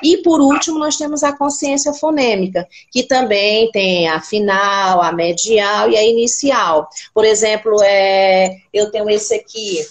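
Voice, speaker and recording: A woman from Brazil, a teacher, explaining classroom activities in a didactic way, sounding out words slowly and asking rhetorical questions. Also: mid-range voice.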